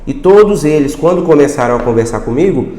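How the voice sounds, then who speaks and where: A Brazilian man with a Brazilian Portuguese accent, a language teacher giving a casual video lesson, speaking straight to the viewer and often asking quick rhetorical questions. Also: a little high, animated, mellow. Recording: echoey room with long reverb.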